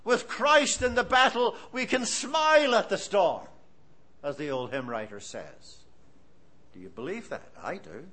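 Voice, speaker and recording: A high-pitched, unhurried Irishman in his seventies preaches, weaving animated stories into earnest exhortation.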